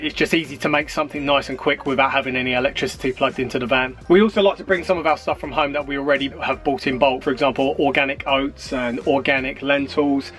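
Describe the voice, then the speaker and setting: A man's voice: fairly high pitch, fairly bright tone. A man vlogging, chatting casually to the camera and to his partner.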